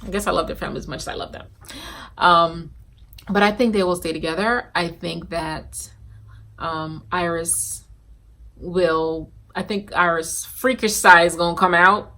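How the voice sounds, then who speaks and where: A woman from Guyana talking casually to camera in an animated, sassy way, reviewing a reality TV show and giving her predictions. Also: lowish voice, measured pace. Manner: animated and sassy, with bursts of laughter and scolding. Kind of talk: casual opinionated chat to camera.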